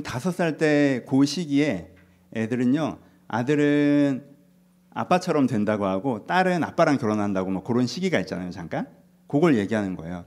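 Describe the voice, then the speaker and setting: A man's voice: a little high, darkish tone. A middle-aged male pastor giving a conversational sermon, asking the congregation rhetorical questions.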